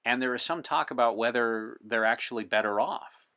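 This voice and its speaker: A man appears as a podcast guest in the persona of a time traveler from 1964, staying in character while discussing science fiction and current events. His mid-range voice has a sharp tone and a moderate pace, and he explains things in an articulate, erudite way.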